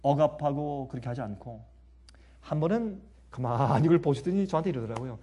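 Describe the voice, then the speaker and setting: A man preaching a sermon, telling stories with lively swings between soft and loud speech and frequent laughter. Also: medium pitch, fairly quick, husky, lo-fi sound.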